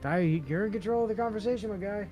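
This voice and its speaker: A man's voice: sits high, quick pace, a little mellow. A man chatting casually during a game, with a dry, sarcastic delivery. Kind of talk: casual gaming chat. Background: game music.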